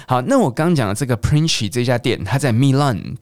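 A middle-aged man from Taiwan, teaching English in a chatty, lively way and mixing English words into his Mandarin. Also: mid-range voice, a little fast, no room sound, clean studio sound. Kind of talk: casual teaching monologue.

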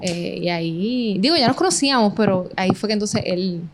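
A woman's voice: mid-range voice, expressive, fairly quick, over a noisy crowd. A woman, a guest on a podcast interview, telling a story and laughing easily. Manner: giggly, storytelling. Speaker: interview guest, business co-founder. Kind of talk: conversational interview.

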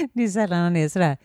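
A woman's voice: fairly low pitch, a little mellow, dry recording, studio quality. A woman in her fifties with a Gothenburg Swedish accent, chatting casually and telling stories with frequent laughter and casual swearing. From Sweden. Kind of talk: casual chat.

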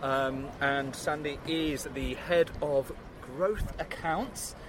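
A man's voice: a little high, slow. A man hosting a podcast in casual conversation. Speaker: podcast host. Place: outdoors in a city in sunshine. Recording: outdoor city recording with traffic noise.

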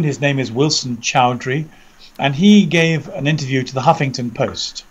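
Dull lo-fi call, measured English man. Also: mid-range voice. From Britain. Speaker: commentator, co-presenter. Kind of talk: conversational news commentary. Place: indoors under a roof, remote audio call.

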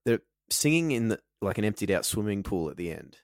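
A low, gravelly man chatting laid-back on a podcast, with an animated pitch. He swears casually and fills his pauses with um. The sound is dry and close. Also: dry recording. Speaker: podcast co-host. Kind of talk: casual banter.

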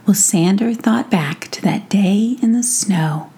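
Soft-spoken woman reading a bedtime story. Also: mid-range voice, slow pace, slightly rough. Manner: soft, half-whispered narration.

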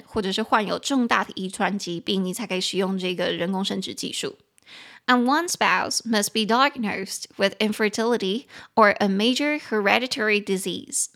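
A woman with a Taiwanese Mandarin accent hosts a casual podcast lesson on English. She talks in a chatty way, spells words out slowly and corrects herself as she goes. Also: medium pitch, gravelly, a bit bright. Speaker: podcast host teaching English.

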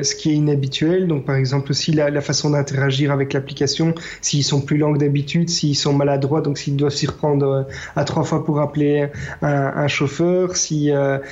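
A man explaining a tech news item in a measured way, with some hesitation. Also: a little high, a little mellow. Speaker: podcast guest contributor. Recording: dull lo-fi sound.

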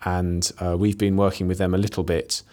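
Man, podcast guest, halting, uh-filled, conversational. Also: deep voice, level tone. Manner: hesitant, many fillers and restarts, trails off softer. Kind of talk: conversational explanation.

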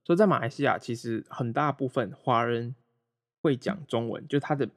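A young man from Malaysia, once a roommate and now a guest on a remote call, talks casually at normal speed in a mid-range voice. His speech rambles with frequent restarts and self-deprecating jokes.

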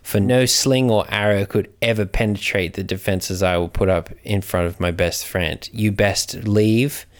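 A man voicing a grandiose male warrior who declaims a solemn vow in slow, archaic, theatrical speech. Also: lowish voice, fairly even intonation, natural voice. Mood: solemn, defiant.

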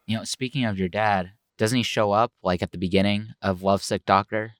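A man's voice: lowish voice, fairly even intonation, fairly quick, no echo, clean studio sound. A man interviewing a musician in a casual, easygoing and self-deprecating way.

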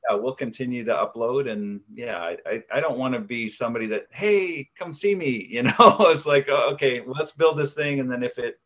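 A medium-pitched male voice, a little fast and with few pauses, belongs to a man in his fifties from the United States. He's an author and video creator chatting as an interview guest, self-deprecating and humble, his answers full of fillers and restarts.

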